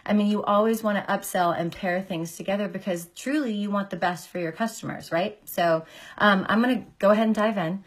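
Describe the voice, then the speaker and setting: Speaking briskly, a woman in her forties who does makeup and sells beauty products walks viewers through a relaxed tutorial, calling them by name and leaning on fillers. Illness has left her voice deeper, and a phone camera at arm's length picks her up in a small room indoors.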